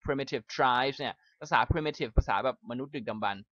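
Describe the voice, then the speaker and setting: A man with a Thai accent, a native Thai speaker, reads a passage aloud slowly and carefully, then explains it in a quick, chatty way as an English teacher. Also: mid-range voice, bright, forceful tone, dry recording. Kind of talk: reading aloud and explaining in a lesson. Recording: slightly dull, dry recording.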